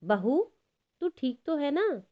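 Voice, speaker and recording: A woman's voice: mid-range voice, normal speed, gravelly, phone-quality sound. A woman voicing a caring village mother-in-law who speaks in an anxious, warning way. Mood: worried.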